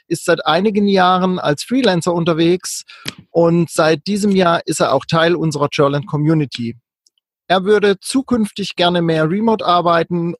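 Guy hosting a podcast, husky raspy voice, kinda high, dead dry sound. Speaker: podcast host.

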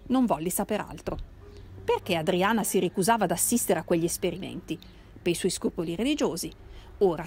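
A woman reads a classic novel aloud with measured, expressive phrasing. Her pitch moves widely through the sentences, and there is a faint noise underneath. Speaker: reader. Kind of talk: literary reading aloud.

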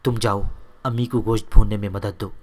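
A man's voice: fairly low pitch, level tone, darkish tone, lightly acted. A man doing a bold young woman. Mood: scolding. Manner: anxious, stammering when afraid. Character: young woman, bold but frightened girl.

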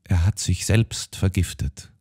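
A man's voice: low voice, steady tone, measured pace, mellow, husky. A man voicing an anxious, timid elderly spinster sister in an audiobook. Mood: pleading. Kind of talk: audiobook character voice.

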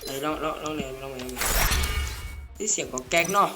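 A man with a slightly high voice chats through his match in loose, excitable commentary, cursing casually and calling out to his viewers. Game music plays clearly behind him. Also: fast talker. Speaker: gaming channel host.

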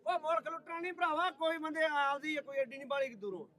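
A man's voice: extremely high pitch, fairly even intonation, fast, pushed and bright. A man with a Punjabi accent selling livestock, haggling casually and insistently, protesting the price offered. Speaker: livestock seller.

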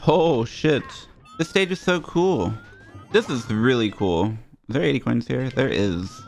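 Young male streamer, mid-pitched, wry and self-deprecating, curses freely, faint music under him. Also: lively intonation, unhurried, vocal fry, a little mellow. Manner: sarcastic, self-mocking, swears freely. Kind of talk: casual gameplay commentary.

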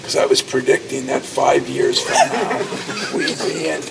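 Gravelly coach in a noisy hallway scrum. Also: male voice, medium pitch, level tone, a little slow, far from the mic. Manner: gravelly, emphatic, anecdotal. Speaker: college basketball coach. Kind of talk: post-game press scrum. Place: crowded indoor hallway outside a locker room. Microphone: cluster of reporters' handheld mics at close range. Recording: noisy hallway, mic a step away.

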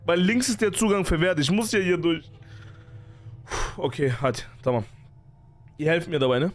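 A man's voice: fairly high pitch, moderate pace. A man giving panicky, jumpy let's play commentary on a horror game, full of sworn exclamations. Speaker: gaming streamer.

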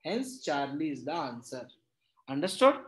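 Here a man with a North Indian accent runs an interactive online reasoning class, slipping Hindi into English and repeatedly confirming understanding with brief questions. He speaks at a measured pace with a fairly high, fairly bright voice that swings widely in pitch. There's roomy echo on the audio.

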